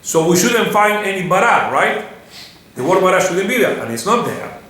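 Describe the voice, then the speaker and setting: A man's voice: high-pitched, sing-song, normal speed, a bit bright. A man teaching a Torah class, putting questions to his students and often restarting his sentences. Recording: very echoey room with faint background noise.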